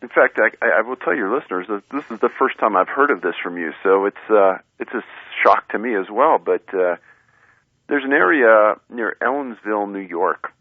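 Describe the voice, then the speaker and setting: Male phone guest, low-pitched, starts hesitantly; dry, narrow telephone audio. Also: no echo. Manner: hesitant, with restarts and fillers. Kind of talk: interview over the phone. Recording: tinny phone line, dry.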